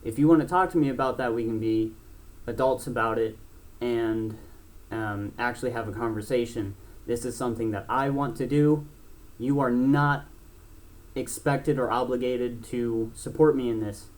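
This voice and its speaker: Young guy in his 20s ranting to his cam, lots of um and restarts, blunt, swears, average pitch. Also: fairly even intonation, moderate pace. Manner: rambling, with frequent restarts and fillers. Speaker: gaming YouTuber. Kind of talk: casual talk to camera.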